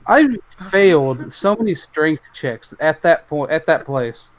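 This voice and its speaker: A man co-hosting a casual podcast with a slightly raised pitch. He trades laid-back, joking remarks about old tabletop games. His delivery is relaxed and conversational. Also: takes it slowly, rough recording. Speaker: podcast co-host and tabletop player. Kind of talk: casual chat.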